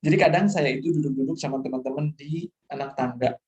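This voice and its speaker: Speaking fast in a darkish, mid-range voice, a middle-aged man gives an online lecture on course material. He regularly confirms that students understand and sprinkles in English terms.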